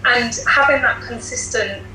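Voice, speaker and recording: A woman teacher with a British accent, guesting on a podcast, talks through her views in an articulate, emphatic, considered way. Her voice runs on the high side, a little slow, bright and forceful, captured with a roomy echo and some light background noise.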